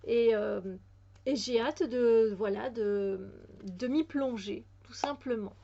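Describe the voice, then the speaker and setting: A woman's voice: on the high side, slow, creaky, mellow, lo-fi sound. Belgian woman chatting about books. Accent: Belgian French. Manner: hesitant, many fillers and restarts. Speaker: book vlogger. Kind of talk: casual book haul chat.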